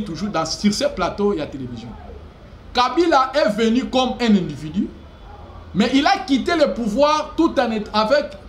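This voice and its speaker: A man's voice: high-pitched, echoey room, slight background noise. A man with a Congolese accent hosting a political news commentary, impassioned and mixing languages, with emphatic rising bursts. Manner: impassioned, switching between French and Lingala, with emphatic rising bursts. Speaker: host of a news commentary channel.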